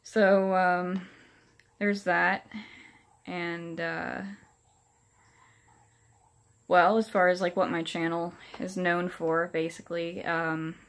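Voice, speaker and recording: A young woman with a slightly low voice talks casually to her camera in a small room. She has no upper teeth in, so her words come out with soft, gummy articulation. Her delivery is hesitant and halting, with plenty of pauses. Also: level tone. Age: young adult. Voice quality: soft toothless articulation, without upper dentures. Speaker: vlogger. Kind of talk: casual personal update to camera. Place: small furnished room indoors. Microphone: phone or camera at arm's length.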